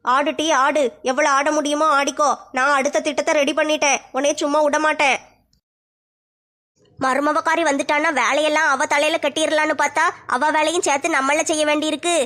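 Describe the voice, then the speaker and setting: Woman as a very high-voiced, fast-scolding mother-in-law, comedy sketch. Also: little pitch movement, a bit bright. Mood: gloating. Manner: scolding, sly, fast-talking. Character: scheming sharp-tongued middle-aged mother-in-law. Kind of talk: comic family sketch acting.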